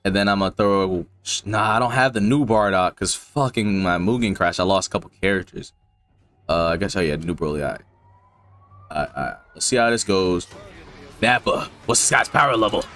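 A man's voice: low voice, a little fast, fairly bright tone, no echo. A man playing a fighting game with friends, talking loose slang, swearing and exclaiming as the fight goes. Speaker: gaming channel host. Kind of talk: casual gameplay chat with friends.

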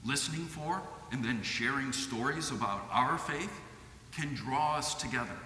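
A middle-aged man with a Midwestern American accent delivers a sermon from a lectern microphone in a measured, earnest manner. His voice has a bright tone and reaches the mic with a long church reverb and a faint hum of ambience behind it. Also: mid-range voice. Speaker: lay preacher. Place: church sanctuary with stained glass. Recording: echoey church hall.

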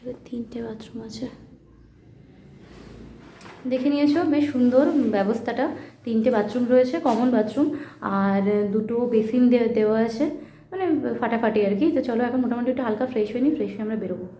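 A woman gives an on-location vlog tour, chatty and excited as she shows off the views and the rooms. She talks fast in a fairly high voice, with faint outdoor ambience behind her. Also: a little hiss or hum. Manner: enthusiastic, chatty, exclaiming at the view. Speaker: travel vlogger. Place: outdoors and in a hostel room.

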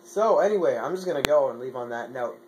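A man's voice: mid-range voice, expressive, quick pace, noisy background. A young man talking casually in a vlog, rambling with lots of fillers and stumbling over his words. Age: young adult. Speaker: vlogger. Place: Madison, Wisconsin, partly outdoors.

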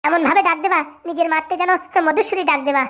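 A woman's voice: extremely high pitch, quick pace, a bit bright. A woman voicing a bossy elder sister who lectures and orders others about.

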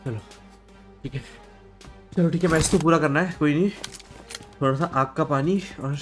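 A man's voice: a little high, normal speed. A young man, sick with a cold and fever, giving casual gameplay commentary and scolding an enemy player. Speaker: gaming streamer. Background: game music and gunfire.

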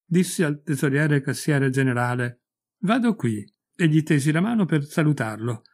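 A man narrating a short story as an audiobook reader, in a measured, clear storytelling delivery. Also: a little high.

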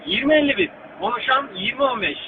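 A man's voice: very high-pitched, lively intonation, fast talker. A man working as a police radio dispatcher, speaking over a walkie-talkie in clipped, repetitive, urgent procedure. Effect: walkie-talkie radio transmission. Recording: tinny, narrow, noisy two-way radio line.

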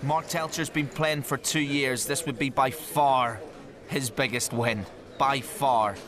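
A man's voice: mid-range voice, takes it slowly. Jokey male poker commentator. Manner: lively, jokey and emphatic. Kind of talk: live sports commentary. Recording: crowd noise in the venue. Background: crowd noise.

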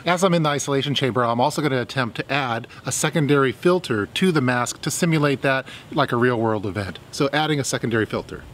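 A man's voice: mid-range voice, fast talker, hardly any pauses, a bit bright, a little hiss or hum. A man, presenting a product review as its host. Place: hedged backyard, outdoors.

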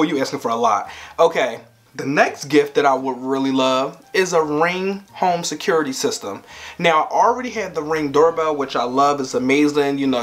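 A man's voice: medium pitch, a bit bright. A young man in his twenties chatting playfully to camera at home, laughing often. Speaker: vlogger. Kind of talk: casual chat to camera.

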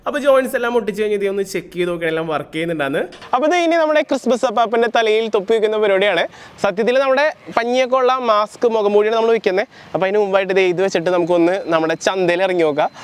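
This is a high-pitched, clear, resonant male voice speaking at a rapid-fire clip. The young man is a vlogger giving casual DIY narration, chatting playfully with viewers while he builds and wears costume puppets outside on a street and in a park.

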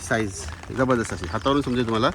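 A man's voice: medium pitch, fast talker, poor audio. Chatty Marathi man vlogging outdoors. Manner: chatty, addresses viewers as friends. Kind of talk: casual outdoor vlog commentary. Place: outdoors by a tidal creek. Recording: outdoor recording with clear background noise.

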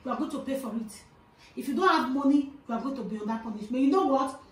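A woman's voice: sits high, fast talker, lightly acted. Woman as a harsh scheming mother, bossy and scolding. Home skit, echoey room, a little far from the mic. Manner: scolding and commanding. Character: harsh scheming mother who bullies the children. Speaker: actor in a family skit. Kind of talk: amateur family skit acting.

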